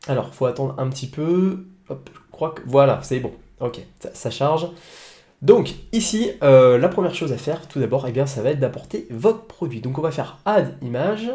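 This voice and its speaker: Young guy doing a screen tutorial at home, lots of ums and restarts, mellow tone, roomy echo. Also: medium pitch, expressive, moderate pace. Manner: hesitant, many fillers and restarts. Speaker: online business tutor. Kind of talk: screen-recorded software tutorial. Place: home office with a noisy computer.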